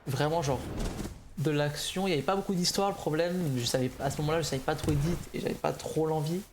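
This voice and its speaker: A man's voice: on the high side, fast talker. A young man giving a casual, unscripted update to gaming viewers, hesitant and slightly nervous, often restarting his sentences. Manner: slightly nervous, neutral delivery. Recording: clear background noise, clicks.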